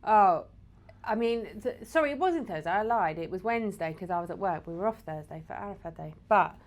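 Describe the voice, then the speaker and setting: A woman's voice: mid-range voice, animated, brisk. A woman from England, co-hosting a casual, teasing podcast chat at home. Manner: chatty, laughing, teasing. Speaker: podcast co-host. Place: home in the UAE.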